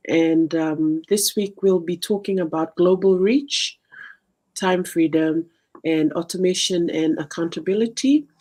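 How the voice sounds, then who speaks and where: A woman's voice: on the low side, a little mellow. A woman hosting a business live stream, introducing topics and a guest with frequent fillers. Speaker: host of a business live show.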